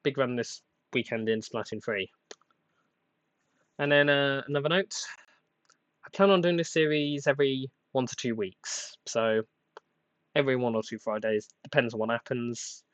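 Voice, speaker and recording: Still shaking off a cold, the young man behind this solo podcast rambles in a relaxed, self-mocking way, full of hesitations and long pauses. He speaks at a moderate pace in a plain, somewhat flat mid-range voice, recorded dry.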